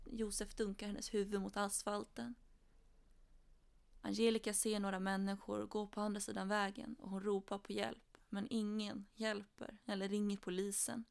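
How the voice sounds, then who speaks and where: Flat, gravelly woman telling true crime. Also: medium pitch.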